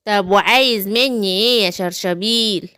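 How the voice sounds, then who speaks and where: A woman's voice: medium pitch, normal speed, sharp tone, clear, resonant tone, dry recording, clean studio sound, natural voice. A woman with an Egyptian accent voicing a wicked, scheming witch in a home-made children's story play. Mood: sly. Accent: Egyptian Arabic.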